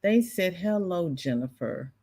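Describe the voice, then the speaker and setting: A Southern American woman with a lowish, warm voice and lively intonation hosts a crochet livestream at a measured pace. She chats and rambles, reads viewer comments aloud, and sounds congested. She keeps interrupting herself and restarting her sentences.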